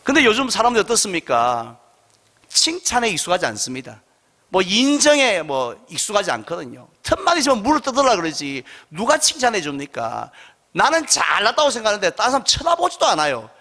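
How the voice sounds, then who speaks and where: A man's voice: high-pitched, brisk. A male pastor preaching a sermon, telling stories and asking rhetorical questions, in a reverberant church hall. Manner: lively storytelling with rhetorical questions. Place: church sanctuary.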